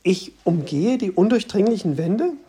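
A narrator doing a stubborn young woman who questions and presses hard. Her voice is a little husky and breathy, read aloud as part of a story. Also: medium pitch, expressive, moderate pace, warm tone. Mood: puzzled. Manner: questioning, insistent. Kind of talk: audiobook reading.

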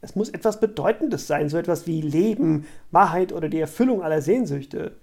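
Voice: mid-range voice, animated, fairly quick, vocal fry, darkish tone. A reader voicing an earnest schoolgirl with a flair for drama, in a storybook reading.

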